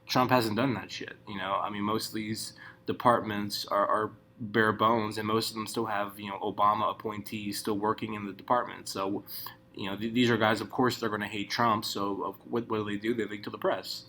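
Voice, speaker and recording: Gravelly-voiced man ranting casually. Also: fairly low pitch, level tone, normal speed, bright, forceful tone, slight background noise. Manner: profane, rambling, many restarts. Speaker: political commentary vlogger.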